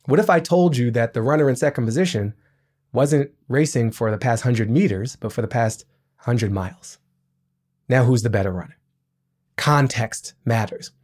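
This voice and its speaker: Animated man explaining with emphasis. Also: mid-range voice, moderate pace. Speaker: guest. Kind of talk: podcast interview.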